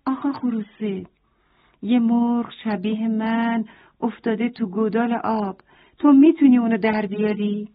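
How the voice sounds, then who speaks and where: A woman's voice: fairly high pitch, fairly even intonation, close to an everyday voice. A woman voicing a kind, frightened mother hen in a children's story, calling out frantically. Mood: frantic. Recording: tinny phone-like sound.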